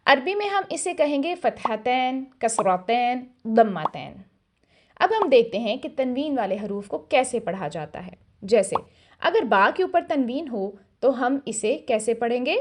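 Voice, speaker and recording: A woman with an Urdu accent teaching a recitation lesson in a calm, measured way, sounding out syllables slowly and clearly. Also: high-pitched. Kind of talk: scripted tajweed lesson.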